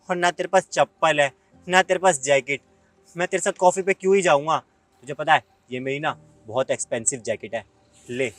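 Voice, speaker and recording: A man's voice: on the high side, fairly bright tone, no room sound, close to an everyday voice. A young man playing an arrogant, boastful rich man who insults his ex-girlfriend in a web skit. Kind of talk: Hindi web skit acting.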